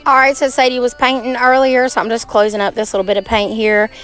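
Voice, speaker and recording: A woman's voice: on the high side, flat delivery, fast talker, fairly bright tone, poor audio. Brief: young Southern woman, folksy cleaning vlogger, camera mic in a small kitchen, faint music behind. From Georgia, US. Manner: chatty, folksy, talks to viewers while doing chores. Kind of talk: casual chat while cleaning. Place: small kitchen and living room of a trailer home.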